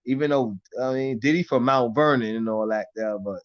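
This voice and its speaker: A man's voice: mid-range voice, normal speed, muffled recording. A man with a New York accent mixed with Florida, chatting casually with his live-stream audience in loose street slang, cursing a lot and repeating "you know what I mean.". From Harlem, New York. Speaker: live-stream host answering chat. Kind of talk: casual chat.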